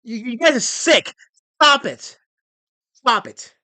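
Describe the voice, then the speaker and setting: A man in his forties hosting a casual livestream, excitable and rambling as he reads chat messages aloud. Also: very high voice, slow pace, no echo. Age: 40s. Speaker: livestream host.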